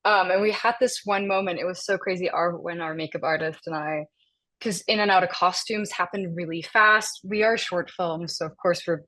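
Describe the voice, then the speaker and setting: The recording is rough, capturing a lowish, moderately paced voice. It belongs to a woman in her thirties, born and raised in Denmark, who is an animated, frequently laughing guest in a casual interview, with many fillers and restarts.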